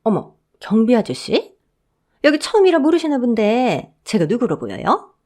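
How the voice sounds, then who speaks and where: A woman voicing a brash middle-aged mother-in-law who shouts haughtily in a shrill voice. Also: wildly swooping pitch, normal speed. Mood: haughty.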